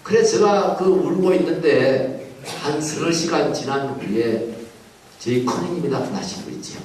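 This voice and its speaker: A pastor telling a childhood story in a sermon, acting out the people in it. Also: male voice, a little high, moderate pace, a little hiss or hum. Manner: animated storytelling, acts out voices. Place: large church hall. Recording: echoey hall from far off.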